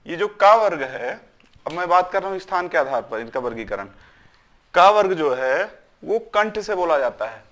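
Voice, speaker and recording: Guy teacher doing a grammar class, slightly high voice, keeps asking then answering himself and drilling sounds. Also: fairly bright tone. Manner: asks questions and answers them himself, drills syllables aloud; repeats checks like "is it not?".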